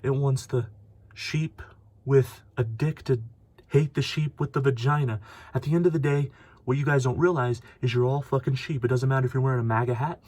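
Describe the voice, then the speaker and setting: A man's voice: mid-range voice, steady tone, brisk, a little mellow, no room sound. Angry profane man ranting. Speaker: radio monologue host. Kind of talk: ranting monologue.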